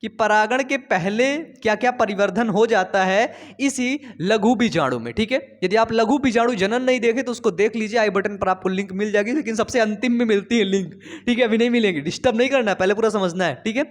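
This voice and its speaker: A man's voice: sits high, a little fast, few pauses. A young man teaching a biology lesson in a chatty, coaxing way, repeating key terms and asking his students questions. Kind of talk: Hindi classroom-style lesson.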